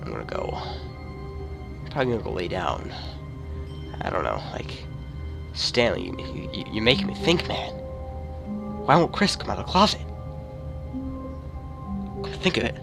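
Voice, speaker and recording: A man's voice: fairly low pitch, wildly swooping pitch, moderate pace, creaky, pauses often, over music. A man with a cold giving casual, jokey, rambling commentary as the host of a gaming video. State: has a cold.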